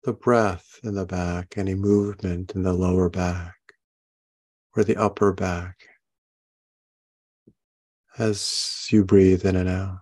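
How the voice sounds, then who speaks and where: A man leading a guided meditation, giving gentle, unhurried instructions and soft questions. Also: low voice, level tone. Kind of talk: guided meditation, body scan.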